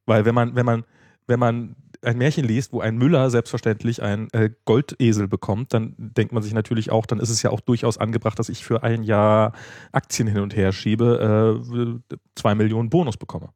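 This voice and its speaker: A male podcast co-host who talks casually and reads fairy tales, animated and hesitant, with lots of fillers. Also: on the low side, moderate pace, no room sound, studio quality. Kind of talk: casual chat and fairy-tale reading.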